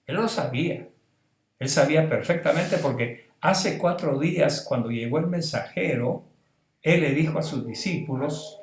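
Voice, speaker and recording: A man's voice: a little high, creaky, a little hiss or hum. A middle-aged pastor with a Salvadoran accent preaching a sermon, building emphasis as he goes. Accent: Salvadoran Spanish. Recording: roomy echo.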